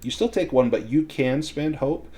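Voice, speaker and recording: A man running a tabletop role-playing game, narrating and explaining rules in a measured way. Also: medium pitch, expressive, mellow. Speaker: game master.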